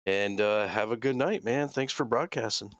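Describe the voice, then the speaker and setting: A man with a voice slightly on the low side answers as an interviewed racing driver. His delivery is casual, and the sound is dry. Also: moderate pace, no echo, dull audio.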